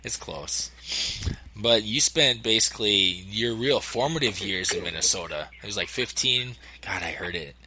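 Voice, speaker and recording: A man's voice: lowish voice, normal speed, bright, forceful tone, slight background noise, rough recording. A man co-hosting a podcast, teasing and laughing through casual chat. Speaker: podcast co-host.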